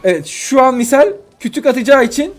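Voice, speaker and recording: A young man with a high voice commentates his game matches as he plays, swinging from cheerful chatter to exasperated outbursts aimed at his opponent. Faint music runs behind him. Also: a little fast. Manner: excitable, frustrated outbursts, talks to opponent. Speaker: gaming YouTuber. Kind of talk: live gameplay commentary.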